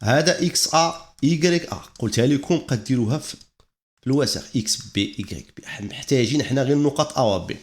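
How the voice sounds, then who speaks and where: Moroccan guy teaching a math lesson, talks fast, switches into french terms. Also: mid-range voice, lively intonation. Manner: explains step by step, mixing French math terms into speech.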